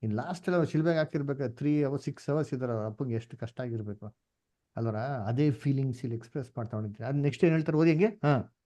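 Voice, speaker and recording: A man with a Kannada accent leads an online Bible study, his pitch in the middle range. He talks animatedly, keeps asking questions, and mixes English words into his explanations. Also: fast, dark tone. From India. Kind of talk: interactive Bible class in Kannada. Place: online class.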